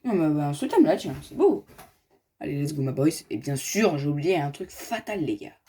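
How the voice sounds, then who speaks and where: A man talks his viewers through a building game in loose, rambling commentary. His pitch swings widely and animatedly from line to line. He addresses the audience directly and drifts into chatty asides. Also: sing-song, moderate pace, mellow. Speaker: gaming youtuber.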